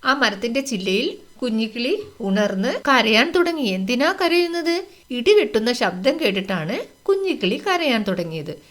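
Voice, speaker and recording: A woman's voice: on the high side, big pitch swings, moderate pace, a bit bright. A woman teaching a first-grade lesson, asking the children questions in a sing-song way and acting out the animals' lines.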